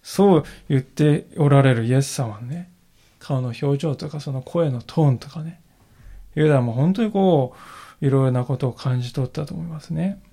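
A male pastor giving a sermon in an earnest, reflective way, slowing down to stress key phrases. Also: mid-range voice, dark tone. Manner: earnest, reflective preaching with emphatic slowed phrases.

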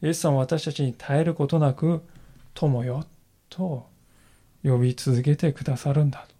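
Earnest higher-voiced male pastor preaching. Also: fairly even intonation, dark tone. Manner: earnest, reflective preaching with emphatic slowed phrases. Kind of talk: sermon.

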